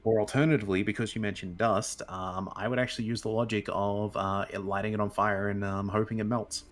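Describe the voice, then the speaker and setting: In a casual chat on an online show, the male interview guest tells rambling stories, often stopping to correct himself. His lowish voice keeps a level tone at a brisk pace.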